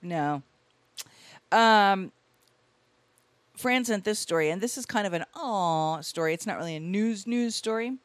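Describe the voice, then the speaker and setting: Woman co-host reading weird news, lively and chatty, dry close sound. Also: medium pitch, a little slow, long pauses, dry recording. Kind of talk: casual podcast chat.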